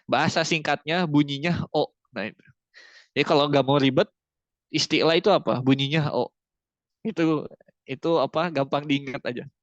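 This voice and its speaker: A man's voice: on the high side, moderate pace, pauses often, no echo. A man teaching Quran recitation in an online tajwid lesson, who explains patiently, repeats key points and models letter sounds. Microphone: video call. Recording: dry, muffled video-call audio.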